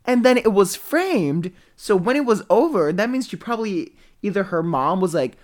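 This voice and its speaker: A man's voice: high-pitched, lively intonation, moderate pace, a little mellow. A man in his forties co-hosting a podcast in casual, campy, rambling chat. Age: 40s. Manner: campy, rambling, mock-serious. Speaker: podcast co-host.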